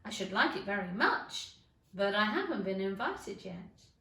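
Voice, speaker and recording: A woman's voice: mid-range voice, very animated, normal speed, pushed and bright. A woman voicing a polite, curious young girl from a children's storybook, earnest and questioning. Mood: mild, earnest. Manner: earnest, well-mannered, questioning. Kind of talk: children's storybook character reading. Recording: echoey room.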